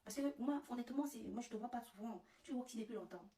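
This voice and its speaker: Woman doing a guy flirting, smooth chatty talk, roomy sound from across the room. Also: fairly high pitch, fast, warm tone, distant mic, close to an everyday voice. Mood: flirty. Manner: chatty, mixes English words into French. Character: smooth-talking Cameroonian man flirting at work. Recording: roomy, away from the mic.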